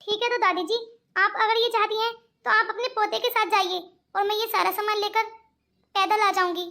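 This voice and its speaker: Woman doing an earnest, honest cartoon girl, very high bright voice. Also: fairly even intonation, moderate pace, exaggerated voice. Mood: polite. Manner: polite and earnest. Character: poor honest young woman. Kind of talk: cartoon voice acting.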